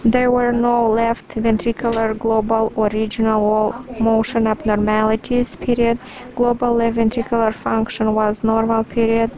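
Woman dictating clinical notes, slightly high voice, really even tone, reads out punctuation and spells stuff. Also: a crowd in the background, low-quality recording. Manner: dictating in short measured phrases, flat and matter-of-fact. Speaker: clinician dictating a medical report.

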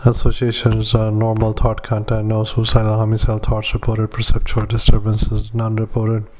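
A male doctor dictating medical notes into a dictaphone recording, halting with many fillers and self-corrections. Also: fairly low pitch, monotone.

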